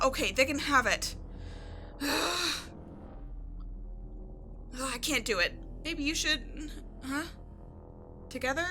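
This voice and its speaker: In a roleplay audio drama, a woman with a high-sitting voice plays a brash young tomboy archaeologist who has a soft side, animated, slangy and teasing. She sounds reluctant.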